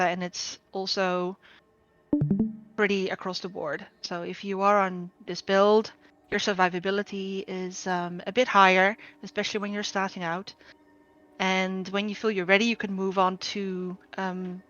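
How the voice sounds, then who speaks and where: A woman guild trainer explaining a game build over group voice chat, steady and explanatory with frequent ums. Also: mid-range voice, smooth, no echo. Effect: group voice chat audio. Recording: dull lo-fi voice chat mic.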